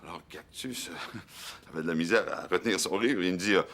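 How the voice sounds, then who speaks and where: An actor with a Quebec French accent playing Crocus, a playful, excitable young clown telling a story on a children's TV show, with many hesitations. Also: male voice, deep voice, brisk, gravelly. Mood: storytelling. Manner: animated, many hesitations, shifting into other voices. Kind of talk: children's TV monologue.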